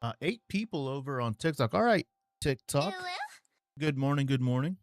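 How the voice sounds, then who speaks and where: A man hosting a casual live stream, answering viewer questions in a relaxed way with many ums and uhs. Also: medium pitch, moderate pace, no room sound, faint music behind.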